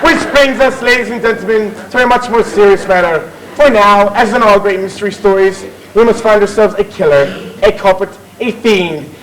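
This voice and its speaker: Guy playing pompous bossy victorian music hall mc, really high pitched, stagey banter, live crowd in theatre. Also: normal speed, a bit bright. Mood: pompous, jovial. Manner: pompous, declamatory, bantering with the audience. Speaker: master of ceremonies. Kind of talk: comic stage musical narration. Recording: noisy live theatre audience recording.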